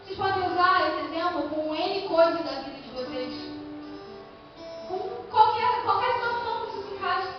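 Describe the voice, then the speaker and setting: A young Brazilian woman preaching a sermon in a church, animated, acting out people's reactions as she speaks. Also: extremely high pitch, moderate pace, music in the background. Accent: Brazilian Portuguese. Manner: animated, acts out quoted reactions in her own voice. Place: church hall. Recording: echoey church hall, far from the mic, dull sound.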